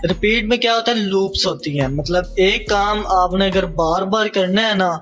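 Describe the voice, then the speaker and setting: High-voiced Urdu-speaking man teaching coding. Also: a bit bright, soft background music. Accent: Pakistani Urdu. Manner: explanatory, repeats "theek hai?" to check understanding, mixes English coding terms. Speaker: programming teacher. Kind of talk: screen-recorded coding tutorial.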